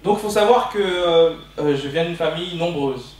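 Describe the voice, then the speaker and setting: Fairly high and moderately paced, this young man's voice carries over background noise. He's from Belgium, in his twenties, and gives an emphatic, impassioned sermon full of repetition at a church hall service, captured by a far-off mic amid strong echo.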